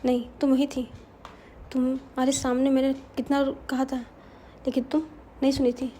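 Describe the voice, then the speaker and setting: A woman voicing a frightened young woman who accuses and speaks in a halting, tearful way. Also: sits high, little pitch movement, mellow, slight background noise, lightly acted. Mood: accusing.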